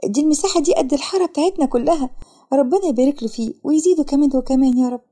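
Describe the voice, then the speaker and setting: A woman's voice: high-pitched, very fast, warm tone, voice pushed up, lightly acted. A woman voicing a frightened, poor young woman with an Egyptian accent, pleading and tearful in a storybook narration. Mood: grateful. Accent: Egyptian Arabic.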